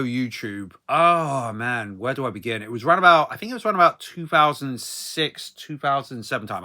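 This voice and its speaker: A man in his thirties tells a casual story-time vlog, rambling hesitantly and repeating himself, often tacking filler tags onto the ends of phrases. His voice is very bright and forceful at an average male pitch.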